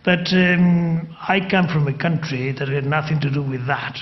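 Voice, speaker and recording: A man answering questions on a debate panel, speaking in deliberate, halting phrases. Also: a little high, dull audio.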